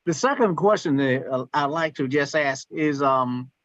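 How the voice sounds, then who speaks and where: An older man asks questions at a public board meeting, polite and deliberate, often adding "sir." His voice is a little high and dry, and the pickup sounds dull and lo-fi. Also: animated, a bit bright, no echo. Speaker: board committee member.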